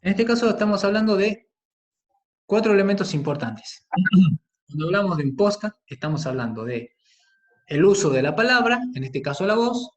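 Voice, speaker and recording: Patient man teaching a radio lesson. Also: high voice. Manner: patient, with frequent "¿sí?" and "¿bien?" checks; slow and deliberate on key words, with some fillers.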